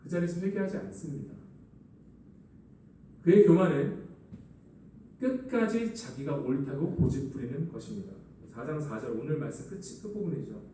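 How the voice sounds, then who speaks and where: Man, pastor, sermon, lively swooping pitch, mellow dark tone, booming echo, heard from a distance. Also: normal speed, long pauses, slight background noise. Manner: expressive preaching, acting out quoted lines. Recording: echoey hall, voice from afar.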